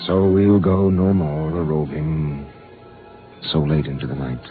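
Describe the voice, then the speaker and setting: An actor playing a stern, earnest spaceship captain torn by duty in a 1950s radio drama. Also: male voice, very deep voice, fairly even intonation, measured pace. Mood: solemn. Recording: muffled vintage radio recording with faint music.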